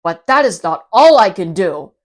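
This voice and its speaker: A woman's voice: medium pitch, very animated, normal speed. A woman voicing a mischievous, boastful male cat in a children's storybook, cheerful and showy as he declaims in rhyme. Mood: showy, reassuring.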